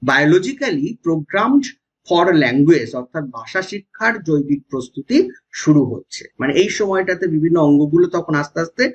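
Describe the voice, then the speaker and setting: Husky-voiced Bengali teacher explaining. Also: male voice, on the high side, expressive, moderate pace. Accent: West Bengal Bengali. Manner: explanatory, often checks with "ঠিক আছে?". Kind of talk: exam-prep lecture. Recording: dull lo-fi sound.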